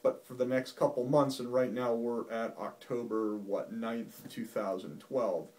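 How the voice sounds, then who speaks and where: A man's voice: mid-range voice, steady tone, a little slow, darkish tone, far from the mic. A male physician explaining a medical topic in a folksy, plain-spoken, patient way. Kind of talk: medical explainer talk to camera. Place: doctor's office.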